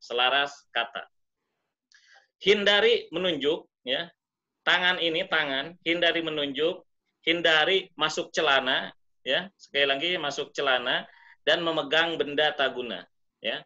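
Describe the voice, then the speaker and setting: A man with a fairly high, bright and forceful voice gives a public speaking lesson over a webinar. He demonstrates as he teaches, swinging his pitch and pace on purpose. The sound is dull and lo-fi, like online call audio. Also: unhurried.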